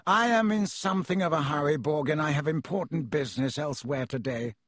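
Guy doing a snooty cold rich wizard dad, slow sneering drawl, kinda husky. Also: a little high, a bit bright, no room sound, studio quality. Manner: icy, disdainful, clipped. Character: cold, haughty aristocratic wizard father.

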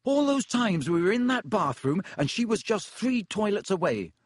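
A man's voice: mid-range voice, moderate pace, breathy edge, no echo, close to an everyday voice. A man voices a gangly schoolboy wizard who talks bluntly and grumbles. The voice sits a little above the reader's own. It is recorded dry and close. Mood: bitter. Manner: blunt and complaining.

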